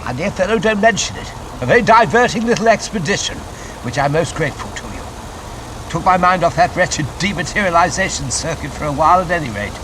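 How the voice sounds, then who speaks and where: An actor playing a genial, erudite adventuring scientist from another world in an audio drama, with a gentlemanly British voice and wry, old-fashioned phrasing. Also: male voice, on the high side, expressive, fast, noisy background, lightly acted. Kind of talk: audio drama acting, homage to 1970s science fiction serial.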